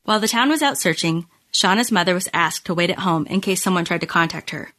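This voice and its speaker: A woman hosting a podcast, reading scripted true crime narration in measured, storytelling phrases. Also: fairly low pitch, animated, bright, forceful tone. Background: music bed.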